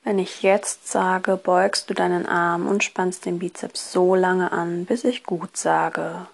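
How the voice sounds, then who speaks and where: A woman guiding a relaxation exercise in a soft, partly breathy voice, with a soothing, hypnotist-like delivery. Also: lowish voice, steady tone, slow. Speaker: relaxation course instructor. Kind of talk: guided relaxation, scripted instruction.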